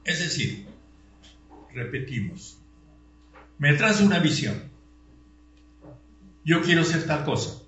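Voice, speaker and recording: An older man giving a classroom lecture, tired, slow and deliberate, posing rhetorical questions and pressing his points. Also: a little high, sing-song, fairly bright tone. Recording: roomy, dull sound with faint hum.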